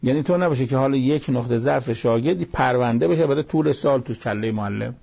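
A man's voice: mid-range voice, gravelly, a little mellow, husky. A man giving a religious lecture, explaining with everyday examples and quoting Arabic verses.

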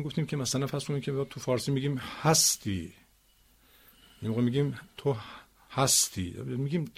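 A man teaching Quran recitation, explaining word stress with spoken examples in a slow, deliberate way. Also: medium pitch, creaky, slightly rough.

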